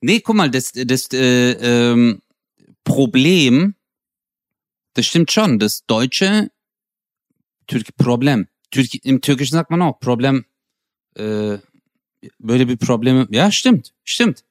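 A man's voice: mid-range voice, sing-song, slow pace, long pauses, no room sound, clean studio sound. A man co-hosting a casual comedy podcast, joking and imitating how people pronounce words. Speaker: podcast co-host.

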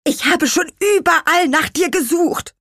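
A woman voicing an excitable little male apple creature who blurts out news. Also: very high voice, measured pace, no echo, studio quality, pitched above the performer's own voice, exaggerated voice. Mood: alarmed. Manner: blurting, breathless alarm.

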